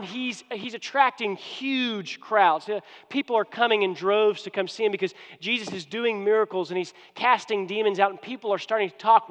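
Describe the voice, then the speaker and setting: A man's voice: high voice, fairly bright tone. A male pastor delivering a sermon in a conversational way, often restarting his sentences. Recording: long hall reverb.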